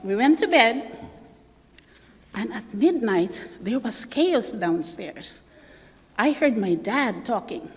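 A woman elder preaching a sermon, telling a childhood story with lively acted-out family voices. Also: fairly high pitch, slow pace, long pauses. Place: church sanctuary. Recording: long church reverb.

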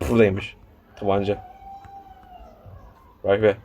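A man's voice: on the low side, level tone, slow pace, darkish tone, a little hiss or hum. A young man casually commenting on a horror game as he plays, urging the characters on and scolding the enemy. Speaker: gameplay commentator. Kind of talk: casual let's-play commentary.

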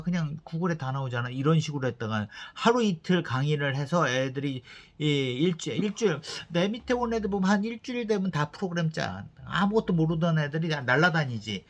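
A middle-aged man giving blunt career advice to developers in a rambling, profane, scolding way. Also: fairly high pitch. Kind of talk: blunt casual advice monologue.

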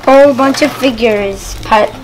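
A woman chatting casually with family at home, bubbly and expressive. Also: a little high, a little slow, noisy background. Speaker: family member in vlog.

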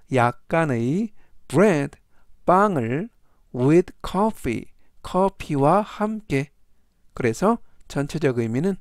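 A man's voice: on the high side, no room sound, clean studio sound. A man teaching English vocabulary in Korean, pronouncing each word carefully and explaining it in polite, formal phrases.

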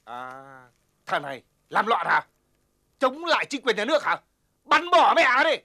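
A man's voice: high voice, very animated, vocal fry, pushed and bright, full character voice. An actor playing a bossy male village security chief who barks orders. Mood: domineering. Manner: commanding, quick to bark orders. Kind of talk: TV drama acting.

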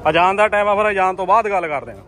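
A man's voice: high voice, rapid-fire. Joking Punjabi-speaking vlogger man. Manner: lively, joking, talks to viewers. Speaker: food vlogger host. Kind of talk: casual food vlog chat. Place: car in city traffic, then restaurant. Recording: noisy street and car sound.

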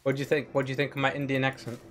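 A man's voice: mid-range voice, completely flat delivery, rapid-fire, faint music behind. A young British man chatting casually on a game live stream, rambling with lots of fillers. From United Kingdom.

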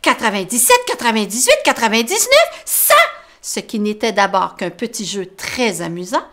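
A woman's voice: mid-range voice, sing-song, normal speed, fairly bright tone. A woman, a library storyteller reading a children's story aloud and explaining words simply to the children.

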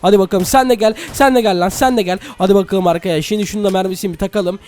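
An excitable man narrating his own Minecraft role-play, with a very high, tight voice. He talks at a rapid clip, loud and full of exclamations, turning to address his viewers again and again. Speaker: gaming YouTuber.

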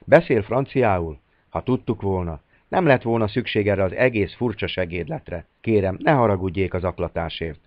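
A man's voice: on the low side, animated, dry recording, highs cut off, close to an everyday voice. A man voicing a courteous, sly Russian major. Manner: polite, gently ironic.

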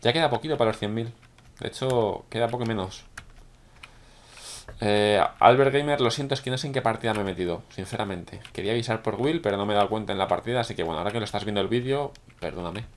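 A man from with a hoarse voice, chatting excitedly to viewers while commentating his own gameplay. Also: fairly low pitch, fast, a little hiss or hum. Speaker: gaming YouTuber.

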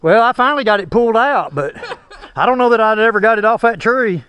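Guy w a high voice, kinda out of breath, laughing his way thru a trail story outside. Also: quick pace, a bit bright. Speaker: trail rider filming the ride. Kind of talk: casual chat on a trail ride. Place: outdoors on a wooded dirt bike trail.

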